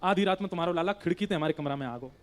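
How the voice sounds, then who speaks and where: A man's voice: high voice, rapid-fire, pitched below the performer's own voice, close to an everyday voice. A man voicing an indignant village milkmaid. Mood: aggrieved. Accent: Braj. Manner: aggrieved, tattling.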